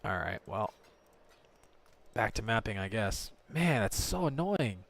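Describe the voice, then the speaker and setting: A man's voice: fairly low pitch, sing-song, unhurried, gravelly, a bit bright. A man streaming a game, talking to viewers in live commentary and swearing often as he rants.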